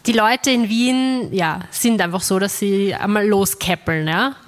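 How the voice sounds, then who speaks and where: Woman, stand-up storyteller, middle pitch, acts out dialogue, long hall reverb. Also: unhurried. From Austria. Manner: lively, acts out dialogue with an audience.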